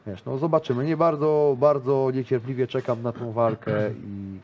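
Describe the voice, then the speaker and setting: In a small studio with a decorated wall, a grappler in his thirties gives a casual interview, rambling and frequently restarting amid many fillers. His medium-pitched voice has fairly even intonation and a moderate pace, and the audio is muffled.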